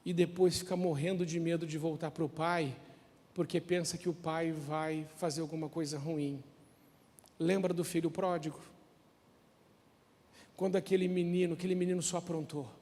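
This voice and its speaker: A male pastor preaching a sermon, telling a childhood story with acted dialogue before turning slow and earnest. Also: fairly high pitch, flat delivery, a little mellow. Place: church. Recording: long church reverb.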